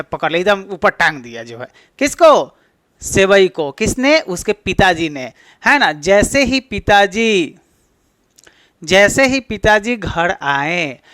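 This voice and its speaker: A man's voice: high-pitched, fairly bright tone, clean tone, no echo. A man with a Bihari Hindi accent teaching an exam-prep English lesson, explaining step by step and answering his own questions. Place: classroom with a board.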